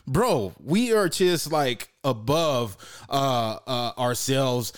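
A man co-hosting a casual sports podcast, talking with many hesitations and getting excited and slangy. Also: mid-range voice, very slow, clean tone. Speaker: podcast co-host.

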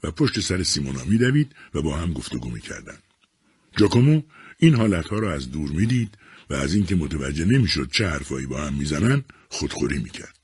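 A man narrating a novel as an audiobook, expressive and acting out each character. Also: very deep voice, slightly rough, dry recording. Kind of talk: scripted storytelling narration.

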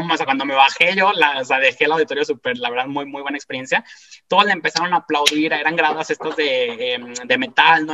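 Animated Mexican man, bright slangy storyteller. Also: on the high side. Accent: Mexican Spanish. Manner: animated, slangy, acts out quoted voices. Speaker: guest speaker. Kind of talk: casual storytelling. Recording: dull lo-fi sound.

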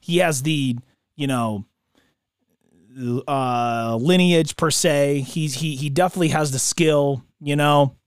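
A man's voice: a little high, takes it slowly, smooth, no echo, studio quality. A man chatting casually about sports as a podcast co-host, with slangy bro talk.

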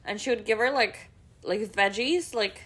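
A woman's voice: mid-range voice, normal speed, fairly bright tone. A woman from Europe, not a native English speaker, co-hosting a podcast with exasperated, swearing complaints. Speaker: podcast co-host. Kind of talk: casual late-night chat.

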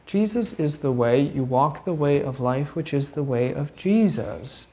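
A woman's voice: deep voice, lively intonation, unhurried, mellow. A middle-aged woman teaching a catechism class to children, asking questions and prompting answers patiently. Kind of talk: classroom Bible lesson with children.

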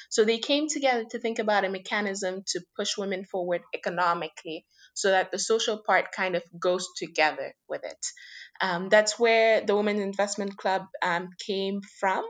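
A woman from Senegal, giving conversational answers as an interview guest. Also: mid-range voice. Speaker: guest, women's investment organisation member.

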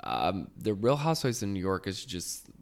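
A man's voice: deep voice, big pitch swings, moderate pace, gravelly. A man hosting a podcast, telling a gossipy recap in a sarcastic, casual way. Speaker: podcast host.

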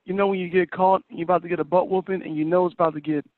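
A man who is a parent, co-hosting a podcast in casual chat, playful and animated when telling stories. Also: high-pitched, racing. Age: adult parent. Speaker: podcast co-host. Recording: tinny phone-like dry sound.

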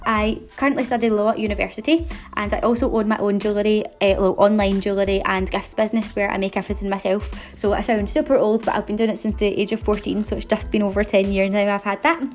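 A Glaswegian woman from Scotland in her 20s hosts a solo podcast episode, chatting in a bubbly, upbeat way and talking fast. Her voice is mid-pitched for a woman, level in tone and somewhat dark. Faint music plays beneath her.

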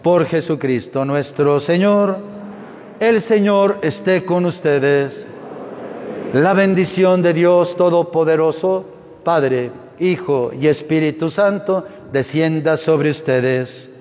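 A man serving as a priest, leading Mass prayers and blessings in a solemn, measured way, recorded inside a large church. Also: on the high side, a little mellow, slight background noise. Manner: solemn, measured liturgical delivery. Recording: long reverb of a large church.

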